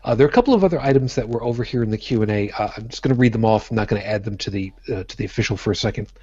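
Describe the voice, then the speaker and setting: Speaking very fast in a fairly low, dark-toned voice, a podcast co-host from Brooklyn, New York jokes bluntly and profanely through a casual live chat, often restarting. The recording has no echo and its highs are cut off.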